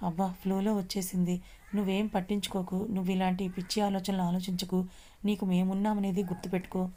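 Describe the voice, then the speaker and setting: A woman's voice: mid-range voice, flat delivery, quick pace, warm tone, lightly acted. A woman reading the part of a caring young woman who comforts the hero, in a story. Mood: comforting.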